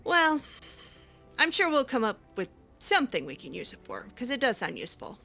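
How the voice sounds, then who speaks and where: Faint music plays behind a woman roleplaying over a video game, her slightly high voice swooping wildly in pitch, with vocal fry and a pushed, bright quality. She speaks at a moderate pace, casually and hesitantly, with a wry edge and lots of ums.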